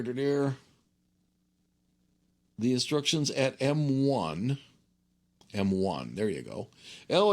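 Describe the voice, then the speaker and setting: Man giving an informal technical tutorial. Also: medium pitch. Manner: conversational, checks in with okay and right. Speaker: instructor.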